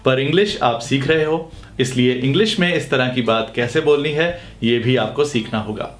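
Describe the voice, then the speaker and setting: A man teaching English grammar in Hindi, reading the English example sentences very slowly and clearly. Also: medium pitch, reverberant, soft background music.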